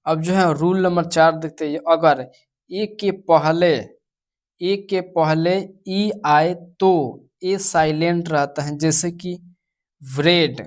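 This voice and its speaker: A woman with an Indian accent teaching English pronunciation, her voice sitting low for a woman. She talks slowly and deliberately, listing example words one by one and repeating them as she explains each rule. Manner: slow, repetitive, spells out words one by one. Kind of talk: slow classroom explanation in Hindi.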